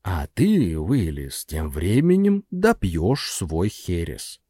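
A man voicing a smooth-talking, pushy film producer who coaxes and commands in an audiobook. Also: deep voice, huge pitch swings, takes it slowly, warm tone, no room sound, studio quality, voice pushed down, full character voice. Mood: persuasive. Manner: coaxing and commanding. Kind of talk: audiobook character voice.

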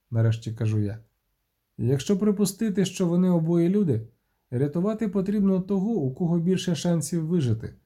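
A man narrating a novel in a measured, tense storytelling manner. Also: sits high, dark tone. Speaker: audiobook narrator. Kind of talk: scripted audiobook narration.

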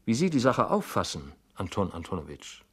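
A man's voice: deep voice, wildly swooping pitch, moderate pace, a bit bright, husky, full character voice. A man voicing a timid middle-aged male clerk who stammers, halts and keeps repeating himself, in an audiobook reading. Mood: anxious, pleading.

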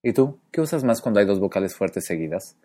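A man teaching pronunciation in a clear, methodical way, slowing down to demonstrate sounds. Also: on the low side, animated, mellow. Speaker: Spanish phonetics teacher. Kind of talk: explanatory lesson narration.

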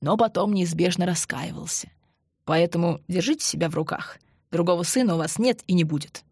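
A woman reading the lines of a calm male business partner who soothes an angry father. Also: lowish voice, a little fast, creaky, slightly rough, dry recording, studio quality.

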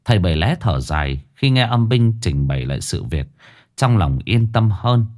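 A man reading a scripted ghost story as narrator, with expressive storytelling. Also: low-pitched, moderate pace. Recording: faint music behind.

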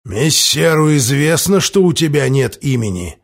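A man voicing a huge, superstitious male ship's shaman who roars slow, drawn-out threats. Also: very animated, exaggerated voice. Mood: suspicious menace. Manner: booming, roaring, drawn-out threats.

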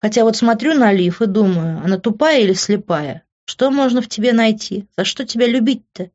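A woman's voice: on the high side, lively intonation, brisk, darkish tone, highs cut off, pitched above the performer's own voice, lightly acted. A woman doing a sarcastic bossy young woman. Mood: mocking. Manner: mocking, bossy.

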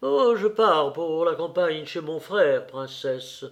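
A man voicing a reserved middle-aged gentleman who answers coolly and briefly in a read novel. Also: on the high side, expressive, slow pace, muffled recording. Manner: curt, cool.

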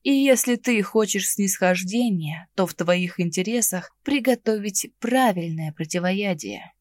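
A woman's voice: mid-range voice, lively intonation, a little slow, darkish tone, no echo, clean studio sound, lightly acted. A woman voicing a stern, commanding male witch hunter in an audiobook, with curt, clipped orders. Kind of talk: audiobook narration.

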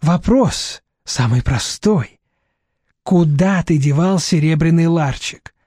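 A man's voice: on the high side, slow, mellow, no room sound, clean studio sound. A man voicing a sneering, menacing young male thug who hisses threats, in a storybook reading.

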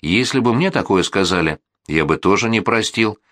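A man voicing a sensible, sullen boy who argues calmly and firmly. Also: lowish voice, moderate pace, dry recording, clean studio sound. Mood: urgent. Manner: gloomy, reasoning.

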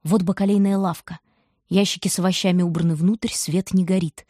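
A woman's voice: fairly low pitch, fairly quick, no echo. Woman narrating a storybook, dry sound. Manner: vivid, expressive storytelling. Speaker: audiobook narrator.

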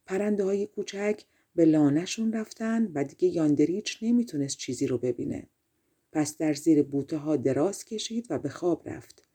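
Mellow woman narrating a fairy tale. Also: on the low side. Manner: calm measured reading. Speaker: audiobook narrator. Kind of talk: storybook narration.

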